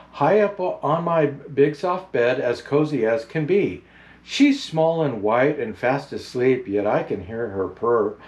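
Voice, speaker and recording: A man playing a jolly old Santa Claus who hosts a picture book reading in a gentle, halting, unhurried manner. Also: medium pitch, natural voice. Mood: gentle storytelling.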